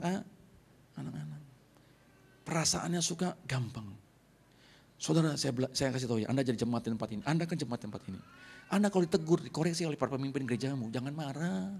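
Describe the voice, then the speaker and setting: A middle-aged man, a pastor preaching a lively sermon and acting out scenes with sound effects. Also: fairly high pitch, gravelly, slightly rough.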